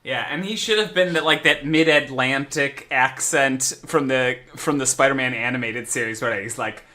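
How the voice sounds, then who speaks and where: A man in a casual reaction chat with a drawn-out, animated delivery. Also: medium pitch.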